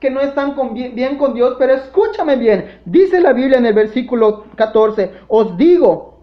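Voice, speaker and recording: A man's voice: very high voice, animated, normal speed. A man with a Mexican accent, a pastor giving an impassioned sermon and often addressing the congregation as brothers. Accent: Mexican Spanish. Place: church sanctuary. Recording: echoey church, dull lo-fi sound.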